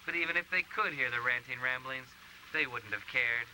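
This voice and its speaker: A man's voice: mid-range voice, brisk, sharp tone, rough recording. Wry man narrating a cartoon. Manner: dramatic, wry. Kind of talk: scripted narration. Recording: hissy VHS tape rip.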